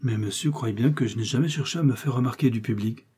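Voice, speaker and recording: A naive, easily flustered businessman, as a man reads him aloud who keeps protesting in a worried, pleading way. His voice is mellow and husky. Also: mid-range voice, fast talker. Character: naive, flustered middle-aged male sugar maker. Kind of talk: audiobook character reading.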